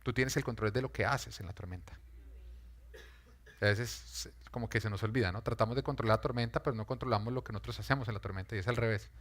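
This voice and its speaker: A man's voice: on the low side, fast talker, a bit bright. A male pastor delivering an emphatic, dramatic sermon, acting out scenes as he preaches. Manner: emphatic, dramatic, rises and falls in intensity.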